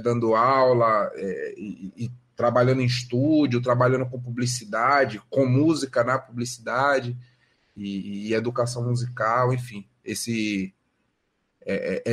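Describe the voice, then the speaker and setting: A man as a guest on a podcast. He tells his story in an easygoing, meandering way, leaning on fillers and little tag questions. His voice sits in an ordinary middle pitch for a man. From Salvador, Bahia, Brazil. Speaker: guest, musician and music educator. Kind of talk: casual podcast interview answer.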